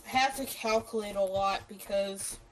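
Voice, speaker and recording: Casually chatting with the player on a voice call, this female friend rambles and hesitates as she talks. She has a medium pitch and moderate pace; the low-quality recording carries slight background noise.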